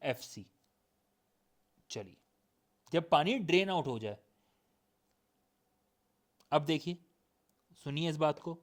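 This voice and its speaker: Man teaching, high voice, slow deliberate delivery, sore throat, reads definitions aloud word by word. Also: expressive. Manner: drills points with repeated questions. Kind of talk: recorded lecture.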